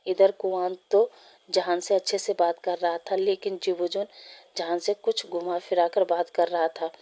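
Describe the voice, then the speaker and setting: A woman reading a fan story aloud, in a steady, plain way with small slips. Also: on the low side, normal speed.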